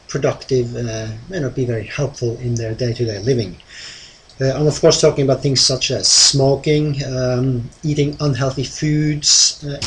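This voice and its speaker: A man with a mid-pitched voice talks to viewers as a hypnotist, explaining in a conversational way. His delivery is halting, broken by pauses and filler sounds. Ambient noise is clearly present behind him. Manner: hesitant, halting delivery with frequent long pauses and ums. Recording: clearly noisy ambient background.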